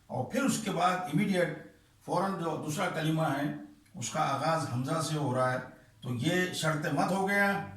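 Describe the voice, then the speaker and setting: A man's voice: a little high, recorded from a distance. Man teaching recitation rules in an echoey room. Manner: patient, repeats terms slowly, checks understanding with "ٹھیک ہے"; demonstrates by stretching vowels in chanted examples. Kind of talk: explaining recitation rules at a board.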